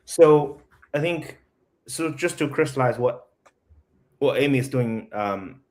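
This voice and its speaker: A man, a company CEO, speaking as an interview guest in a casual, halting way, restarting his sentences often. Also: mid-range voice, animated, a little mellow.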